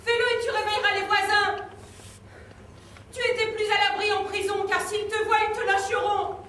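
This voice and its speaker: A woman's voice: extremely high pitch, level tone, moderate pace, fairly bright tone. A woman playing a bitter frightened mother. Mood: scornful. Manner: scornful outbursts and frightened pleading. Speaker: amateur stage actress. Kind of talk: live stage play. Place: theatre stage. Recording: echoey room from far off, faint noise.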